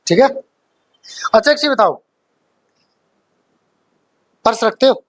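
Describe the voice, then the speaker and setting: A man's voice: extremely high pitch, takes it slowly, rough recording. A man teaching an exam-prep grammar lesson, joking with his students, quizzing them and laughing often.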